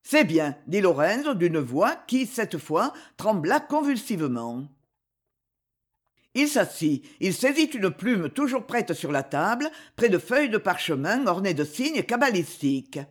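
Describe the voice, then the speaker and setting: A man narrating a novel as an audiobook in an expressive, dramatic reading. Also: sits high, a little slow.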